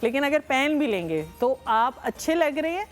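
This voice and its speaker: A woman's voice: high-pitched, big pitch swings, normal speed, faint music behind. A woman, co-hosting a morning show and giving earnest advice in casual chat. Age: 30s. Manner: earnest, advice-giving, many affirming interjections.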